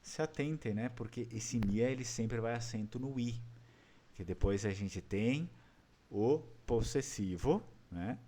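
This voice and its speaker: A man's voice: mid-range voice, a little slow, warm tone. A man with a Brazilian Portuguese accent teaching an online class, patiently explaining step by step and quizzing his students. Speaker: language teacher.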